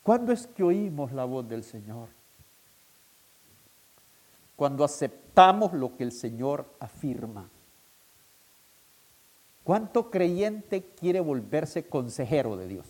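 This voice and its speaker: A man preaching a sermon, emphatic and deliberate, repeating his key points slowly for the congregation. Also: mid-range voice, big pitch swings, darkish tone. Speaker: pastor.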